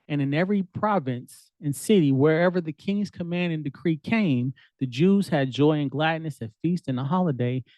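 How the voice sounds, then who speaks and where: A man's voice: a little high, darkish tone, no echo. A man, teaching a Bible lesson in a casual, conversational way with slang, reading verses aloud. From United States. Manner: conversational, street slang, reads scripture aloud.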